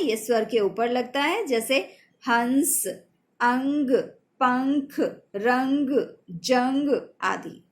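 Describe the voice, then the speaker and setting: A woman teaching a children's grammar lesson, slow and patient, spelling out letters and sounds one by one. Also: sits high.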